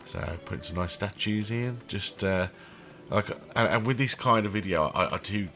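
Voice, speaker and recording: The man hosting this channel builds a theme park in a game and comments casually, rambling with lots of ums. He has a cold, and his throaty voice sits on the low side with a sharp tone at normal speed.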